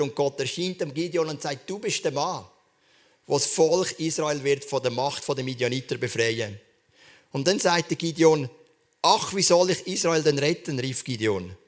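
A man's voice: a little high, moderate pace. A man preaching a sermon in a church service, speaking earnestly and conversationally, often addressing the listener directly.

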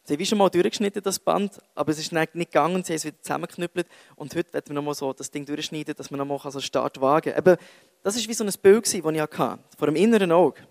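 A man's voice: on the high side, very fast, gravelly, no room sound. A young man with a Swiss German accent giving a casual, self-mocking sermon full of jokey asides. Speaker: youth preacher.

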